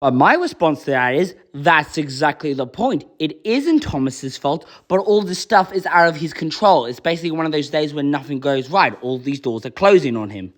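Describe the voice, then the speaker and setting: A man's voice: a little high, animated, moderate pace, hardly any pauses. A man with a slightly raised voice talks straight to his viewers in casual video commentary. He lays out his argument point by point in an earnest, explanatory manner, sometimes slipping into quoted lines. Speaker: channel host reviewing a children's show episode.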